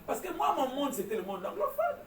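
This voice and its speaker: A man preaching a sermon as pastor, animated, with call-and-response and laughing asides. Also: very high voice, brisk, noisy background. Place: large church hall. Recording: echoey church hall, far from mic, congregation. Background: congregation responding.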